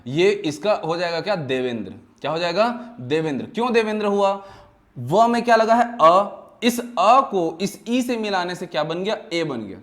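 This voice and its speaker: His voice is high and expressive as this male grammar teacher from Chhattisgarh, speaking with a Chhattisgarh Hindi accent, lectures. Asking questions only to answer them himself, he repeats the key terms and drags out his words slowly as he spells things out.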